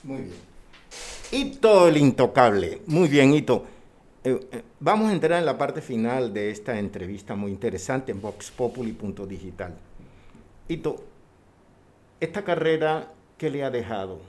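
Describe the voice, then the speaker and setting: A man's voice: medium pitch, big pitch swings, measured pace. A man hosting an interview in an announcer-like way, plugging the show by name as he asks his questions.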